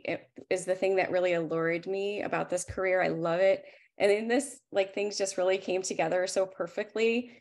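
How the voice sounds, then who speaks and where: Speaking in a gravelly, mid-range voice, a woman in her forties walks through her photography on a video call. Her informal slide presentation comes across as frank and conversational.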